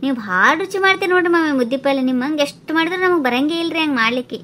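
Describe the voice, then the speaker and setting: A woman voicing a sly young neighbour woman in a comic cartoon, speaking with a North Karnataka Kannada accent and sweet-talking flattery. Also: sits high, racing, slight background noise. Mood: wheedling.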